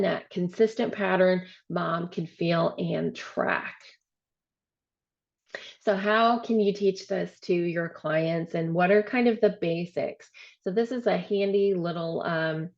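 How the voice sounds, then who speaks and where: A woman director giving a webinar training, explaining step by step with frequent "um" and "so", her voice showing some vocal fry. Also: on the low side, darkish tone, dull audio. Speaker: program director presenting a training. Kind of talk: webinar presentation.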